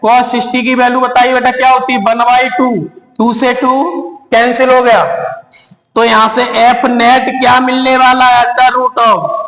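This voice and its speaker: A man's voice: extremely high pitch, monotone, moderate pace, fairly bright tone. A man teaching a physics class at the board, often calling his students "beta" and answering his own questions as he works through each step. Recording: echoey room.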